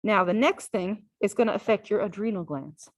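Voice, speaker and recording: A middle-pitched woman delivers a laid-back physiology lecture, repeating herself and checking in with "all right?" again and again. She's recorded close up in a dry space with no echo.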